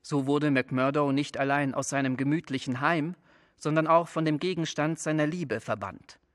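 A man narrating an audiobook in a measured storytelling way. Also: on the high side, dry recording, studio quality.

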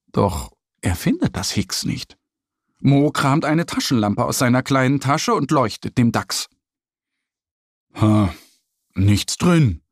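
A man narrating a children's story slowly and expressively. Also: medium pitch, dry recording, studio quality. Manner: slow, lively storytelling.

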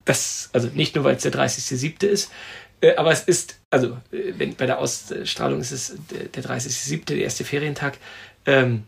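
A man around forty, co-hosting a podcast in a chatty, animated way. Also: mid-range voice, normal speed, vocal fry, breathy edge. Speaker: podcast co-host. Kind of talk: casual chat.

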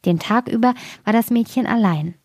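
A woman storyteller reading a fairy tale aloud in a calm, measured way. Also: on the high side, dry recording, clean studio sound.

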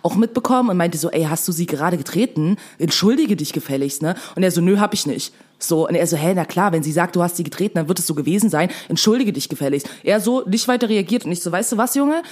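A woman's voice: on the low side, expressive, fast, hardly any pauses, darkish tone. A young woman telling a story to camera in casual, chatty speech full of fillers, still shaken.

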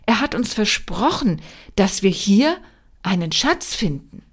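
A woman's voice: medium pitch, sing-song, a little slow, breathy edge. A woman voicing a poor, desperate farmer in a read-aloud folk tale, defending himself and pleading.

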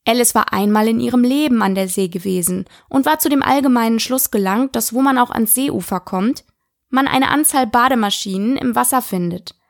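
A woman's voice: fairly high pitch, a little fast, creaky, dry recording, clean studio sound. Woman reading a storybook aloud. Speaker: audiobook narrator. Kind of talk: scripted storybook narration.

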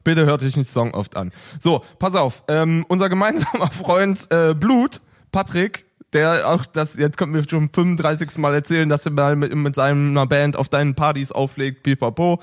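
A young man co-hosting a casual chat podcast, bantering and teasing with quick interjections. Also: on the high side. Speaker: podcast co-host.

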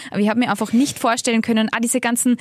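A woman's voice: on the high side, very fast, dry recording. Chatty woman telling a story. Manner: chatty storyteller, swears casually, animated retelling. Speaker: podcast co-host. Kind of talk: casual chat.

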